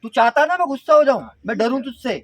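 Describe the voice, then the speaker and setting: A man's voice: very high-pitched, expressive, quick pace, heavy background noise. A man leading a mind-power workshop for school students, talking playfully and quizzing the audience with questions. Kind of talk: interactive talk to school students.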